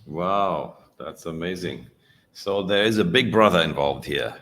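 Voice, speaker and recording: A man's voice: low-pitched, expressive, a little slow, fairly bright tone. A man hosting a life-story podcast, chatting casually and murmuring along as his guest talks. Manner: friendly, frequent listening murmurs. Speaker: podcast host. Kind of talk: casual interview.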